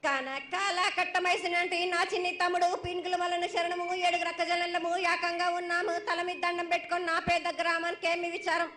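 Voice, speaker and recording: A woman's voice: very high-pitched, completely flat delivery, quick pace, few pauses, sharp tone, slight background noise. A woman with a Telangana accent speaking in a prophetic trance voice, declaiming repetitively as a mother goddess oracle.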